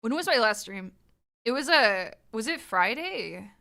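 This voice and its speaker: Bright, high-pitched cute anime-style woman streamer. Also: unhurried, creaky. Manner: giggly, repeats herself excitedly. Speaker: livestreamer. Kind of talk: excitable livestream chat, thanking subscribers.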